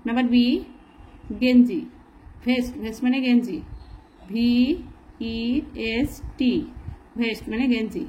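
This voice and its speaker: A woman with a fairly high voice runs a slow, patient lesson for young children and spells each word out one letter at a time. Her explanations are plain and measured. A faint hiss sits under the recording. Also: steady tone, dark tone, low-quality recording. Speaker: teacher. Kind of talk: spelling out words and explaining grammar. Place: at home, writing in a notebook.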